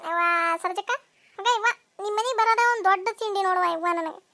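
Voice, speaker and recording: A voice actor playing bickering, nosy village women in a cartoon, with a North Karnataka Kannada accent and a sped-up, high-pitched voice. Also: pushed and bright, exaggerated voice. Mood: squabbling. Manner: shrill, scolding, quick back-and-forth banter. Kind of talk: cartoon voice acting.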